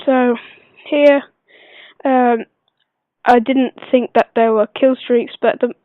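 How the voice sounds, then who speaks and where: A woman who is unwell gives a casual gameplay tutorial voice-over, speaking quietly but clearly in a hesitant, rambling way. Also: on the high side, fairly even intonation, slow, dry recording. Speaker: gaming video maker. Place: voice-over recorded at a computer. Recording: dull lo-fi computer recording, dry.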